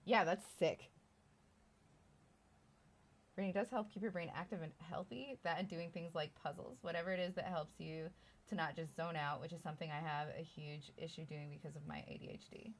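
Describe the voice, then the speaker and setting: In a low-pitched, steady voice at a moderate pace, with a little hiss or hum in the audio, a thirtysomething woman from Iowa, United States chats with her livestream viewers. Her talk is rambling and self-deprecating, peppered with frequent swearing and laughter.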